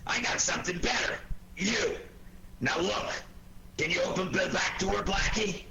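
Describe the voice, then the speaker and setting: An actor playing a gruff, impatient police inspector in a 1940s radio drama, barking his lines with sardonic bluster. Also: high-pitched, measured pace, sharp tone, heavily acted. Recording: slightly noisy old 1940s radio recording.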